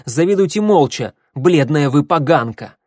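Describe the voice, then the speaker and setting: A man's voice: expressive, moderate pace, darkish tone, no room sound, studio quality. Man voicing a fiery stubborn peasant girl. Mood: furious. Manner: indignant, shrill, retorting. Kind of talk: audiobook character voice.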